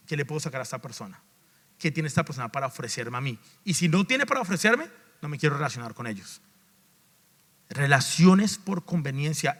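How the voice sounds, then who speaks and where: A male pastor preaching a sermon, swinging between raised emphatic lines and low asides, with restarts and repeated words. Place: church sanctuary. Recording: long reverb of a large church hall.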